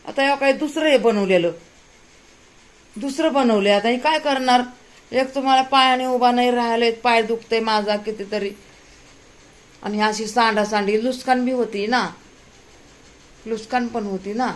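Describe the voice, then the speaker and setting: A woman's voice: fairly high pitch, normal speed, long pauses. Exasperated woman cooking. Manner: exasperated, complaining, talks while cooking. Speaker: home vlogger. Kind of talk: casual kitchen vlog talk to viewers. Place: home kitchen.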